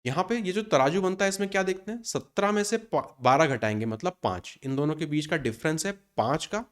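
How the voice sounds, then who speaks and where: Speaking Hindi laced with English terminology in an Indian accent, this thirty-something man runs an exam-prep maths class. He talks a bit quickly in a fairly high, expressive voice, breaking things down step by step and posing questions he then answers himself.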